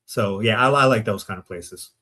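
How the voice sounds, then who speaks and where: A man's voice: on the low side, moderate pace, pushed and bright. A man from Arizona, a podcast guest who investigates the paranormal, telling stories casually with lots of fillers and tagged "right?" questions. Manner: rambling, many fillers and "right?" tags. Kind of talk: casual interview storytelling.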